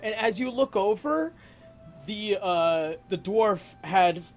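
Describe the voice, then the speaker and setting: A man's voice: high-pitched, expressive, faint music behind. A man narrating a tabletop role-playing game as game master, hesitating often with ums and uhs. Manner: slow, halting narration full of ums and uhs.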